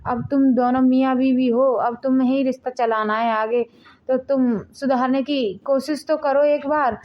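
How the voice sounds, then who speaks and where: A woman's voice: high-pitched, steady tone, moderate pace, muffled recording, lightly acted. A woman plays a mother patiently explaining herself to her grown son in a family drama. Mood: pleading. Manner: pleading, explaining. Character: patient middle-aged mother, gently lecturing.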